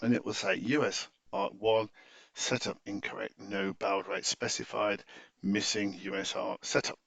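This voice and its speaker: A man walks through a software tutorial on screen share, unscripted and methodical, explaining each step in an instructive way. His voice sits on the low side with vocal fry, at a moderate pace. The recording sounds dull but has no echo.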